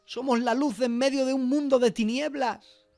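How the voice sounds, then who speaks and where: A man's voice: very high voice, fairly even intonation, normal speed, creaky, a little mellow, soft background music. A man preaching a sermon, earnest and emphatic, asking his listeners rhetorical questions. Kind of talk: sermon preached over a walkie-talkie app service.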